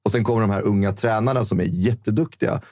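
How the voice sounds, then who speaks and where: An earnest man with a low voice talks football on a podcast, repeating words as he works out his thoughts. His voice is recorded close and dry. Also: warm tone, dry recording. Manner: earnest, repeats words when thinking aloud. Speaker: podcast panelist. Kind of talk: casual football chat.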